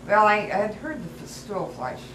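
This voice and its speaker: A woman's voice: mid-range voice, sing-song, moderate pace. An elderly woman, a grandmother, telling family stories in a casual, rambling, anecdotal way, as an elder recalling the past. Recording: roomy, clearly noisy home recording.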